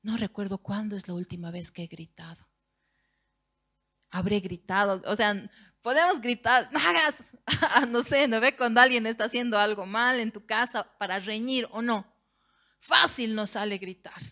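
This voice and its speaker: Una mujer con acento boliviano que predica un sermón en una iglesia con fervor y que alza la voz casi hasta gritar en las frases clave. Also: female voice, mid-range voice, fairly even intonation, moderate pace. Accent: Bolivian Spanish. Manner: fervent, rising to near shouts on key phrases. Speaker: preacher. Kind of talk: sermon. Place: church.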